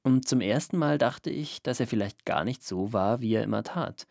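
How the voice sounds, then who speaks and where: A man narrating a first-person story in a calm, even storytelling manner. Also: mid-range voice, normal speed, gravelly, no room sound, studio quality. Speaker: audiobook narrator.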